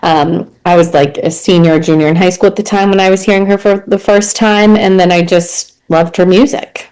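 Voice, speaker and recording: A woman's voice: on the low side, fairly even intonation, fairly quick, darkish tone, clear, resonant tone. A woman in her thirties from New Jersey, a mom, teacher and coach, talking in a friendly, thoughtful way as an interview guest. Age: 30s. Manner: friendly, thoughtful, uses fillers. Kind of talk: casual interview.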